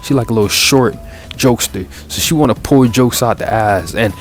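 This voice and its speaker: A young man, telling a rambling, profane, animated story in casual chat, full of fillers and restarts. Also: medium pitch, moderate pace, soft background music. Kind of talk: casual story time over gameplay.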